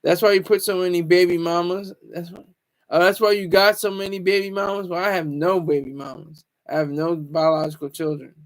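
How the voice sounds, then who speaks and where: A livestream host with a high-sitting voice talks briskly in a level tone. He rambles casually, teases his viewers, and often stammers and restarts.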